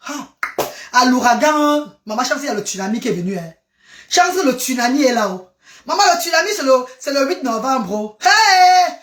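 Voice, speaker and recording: A woman chatting in a casual live stream, animated and exclamatory, jumping from one topic to the next. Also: a little high. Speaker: social media live streamer. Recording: roomy echo.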